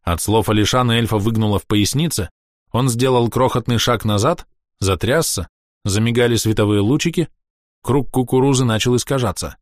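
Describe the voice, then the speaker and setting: A man narrating a fantasy audiobook in an even, measured storytelling voice. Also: medium pitch, dry recording, studio quality.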